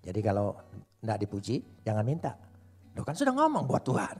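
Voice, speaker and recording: Male pastor preaching, raspy and creaky, big lively pitch swings, soft guitar underneath. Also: fairly quick. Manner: animated preaching, swings loud and soft, jokes with the congregation. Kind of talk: sermon.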